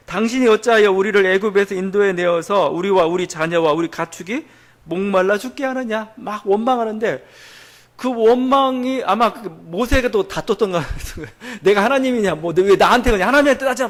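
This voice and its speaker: A man delivers a sermon as pastor, his voice sitting notably high for a man. He explains scripture in a relaxed, conversational way, pausing often on small filler sounds. The delivery is that of a teaching preacher talking plainly to his congregation.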